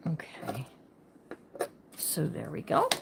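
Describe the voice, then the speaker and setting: A woman's voice: low-pitched, wildly swooping pitch, slow pace, creaky, very noisy. A woman hosting a casual craft livestream. She chats with viewers by name and thinks aloud while she works. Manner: says she talks loud.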